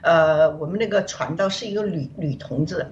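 A woman from China, a guest on a show, giving a rambling, earnest personal testimony of faith over a remote call. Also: normal speed. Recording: distant, dull, faint rumble.

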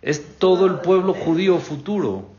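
A man's voice: high voice, lively intonation, moderate pace, crowd noise. A man, a rabbi teaching an interactive Torah class, who questions his students and acts out the figures' words. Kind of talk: interactive religious lesson. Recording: dull lo-fi recording.

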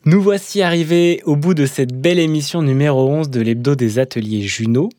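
A man's voice: on the high side, a little fast, warm tone, no room sound, clean studio sound. A man hosting a podcast, speaking in an encouraging, coaching tone as he wraps up the show. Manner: upbeat, thankful. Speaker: podcast host. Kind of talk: podcast interview and outro.

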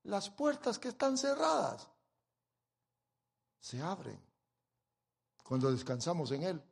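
High-voiced preacher, emphatic sermon. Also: male voice, huge pitch swings, slow pace, creaky, slightly rough, long reverb tail. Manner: emphatic, swinging between loud exclamations and quiet asides.

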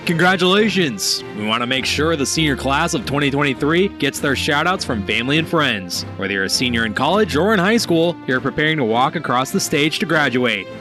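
A man's voice: on the high side, lively intonation, brisk, hardly any pauses. Male announcer reading a promo over music. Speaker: radio announcer. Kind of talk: scripted radio promo read. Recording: prominent music bed.

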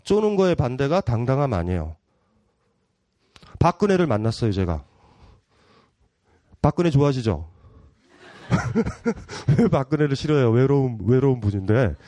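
A man's voice: on the high side, dark tone, dry recording, clean studio sound. A middle-aged man giving a public philosophy lecture, playful and provocative, often laughing and teasing his audience.

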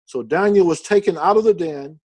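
A male preacher with a notably high voice who reads scripture aloud and then breaks into relaxed, excited commentary. His delivery is casual and personal rather than formal. The sound is close and dry, with little room echo. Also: fairly quick. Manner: conversational, reads verses then comments with enthusiasm. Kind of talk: sermon reading and explaining scripture.

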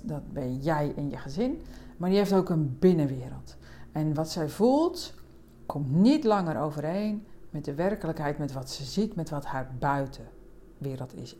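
Calm reflective woman podcaster, lowish voice. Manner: calm, reflective, with many hesitations. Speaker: podcast host. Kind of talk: relationship advice podcast monologue.

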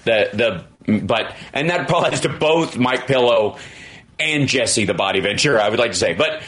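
A man's voice: medium pitch, lively intonation, moderate pace, a bit bright. A middle-aged man hosting a radio show, riffing on politics in an emphatic, jokey, casual way.

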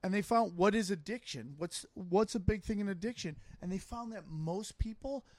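A man with a high-pitched voice and a dry, close sound talks in an excited, emphatic way and swears freely. He is a comedian guest on a casual podcast recorded in a home studio. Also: no echo. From Armenian and Italian heritage. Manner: excited, heavy swearing, rapid emphatic bursts.

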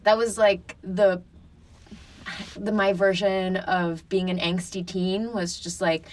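A woman's voice: mid-range voice, flat delivery, takes it slowly, darkish tone, far from the mic. A woman in her twenties from France, a podcast guest talking candidly and casually, full of "like" fillers. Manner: chatty, frequent "like" fillers, candid. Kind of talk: casual interview talk.

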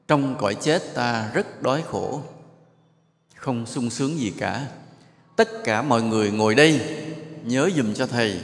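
Before a live audience, a male monk gives a dharma talk, telling stories and engaging listeners with questions and gentle jokes. His voice rests at an ordinary middle pitch, and a long reverb trails off through the large hall.

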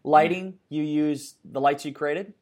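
A man's voice: on the high side, steady tone, unhurried, darkish tone. A man hosting a podcast, asking short, direct questions and giving brief encouraging replies. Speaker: podcast host. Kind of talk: casual podcast interview.

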